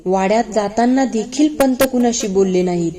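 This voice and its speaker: A woman reading a historical novel aloud in a measured, dramatic storytelling manner. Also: fairly high pitch, mellow. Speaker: reader.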